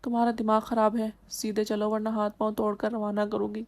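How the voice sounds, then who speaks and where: A woman's voice: mid-range voice, completely flat delivery, a little mellow, close to an everyday voice. A woman voicing a fiery, short-tempered young woman who talks in a snappy, threatening way. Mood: fierce.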